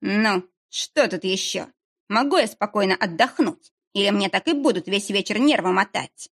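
A woman's voice: medium pitch, expressive, creaky, a bit bright, breathy edge, exaggerated voice. A woman reading an audiobook, voicing a big bald man who grumbles and threatens. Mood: grumbling threatening. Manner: grumbling, slow.

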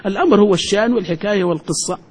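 Man, high husky voice, grammar lesson, quizzes his students, long echo of a hall. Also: racing, darkish tone. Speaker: sheikh teaching Arabic grammar. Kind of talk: classroom lesson.

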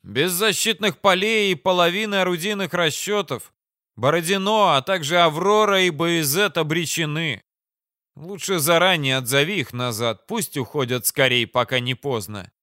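A man's voice: a little high, moderate pace, dry recording, studio quality. A man reading an audiobook, voicing a weary male vice-admiral who bitterly refuses to sacrifice his ships. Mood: grimly firm. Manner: steady, bitter and resolute.

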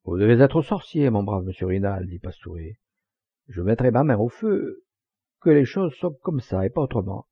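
A man reading the part of a gruff, loyal old countryman who talks in a rambling, folksy way. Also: fairly low pitch, big pitch swings, moderate pace, dry recording, full character voice. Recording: dull lo-fi dry recording.

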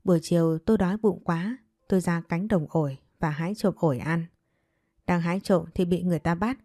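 A woman telling a first-person story in an even, steady, sorrowful manner. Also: lowish voice, brisk, no room sound. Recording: dry voice with faint background music.

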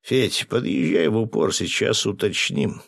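A calm officer in an audiobook speaks in a low, steady voice, as a man plays him. The recording is dry and close. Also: a little slow, creaky, dry recording, heavily acted. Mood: measured. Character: thoughtful officer.

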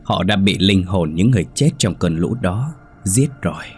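A vengeful drowned ghost woman, as a male narrator puts her on, cold and menacing in a ghost story reading. The voice stays low and husky. Faint music plays behind. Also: lively intonation, normal speed, darkish tone.

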